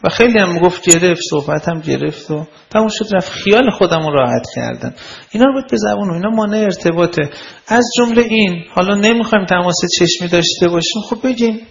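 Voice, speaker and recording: Gravelly man giving a lecture. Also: high voice, expressive, dull audio. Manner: conversational, explanatory, tells anecdotes. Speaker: lecturer on life skills. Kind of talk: lecture on communication skills.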